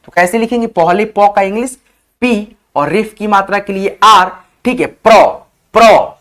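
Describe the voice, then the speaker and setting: A man teaching how to spell words, spelling them slowly letter by letter and often calling viewers his friends. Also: high-pitched, fairly bright tone.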